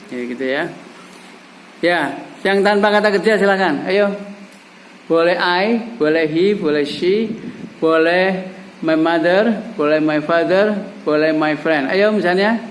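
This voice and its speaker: A man's voice: fairly high pitch, slight background noise, low-quality recording. A middle-aged man teaching an English class, coaxing his students with repeated examples and prompting questions. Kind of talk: classroom language lesson.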